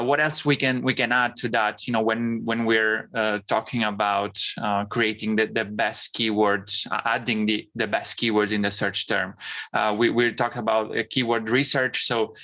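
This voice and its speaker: A man hosting an interview, asking questions hesitantly with many pauses and restarts. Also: on the low side, sharp tone. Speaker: podcast host.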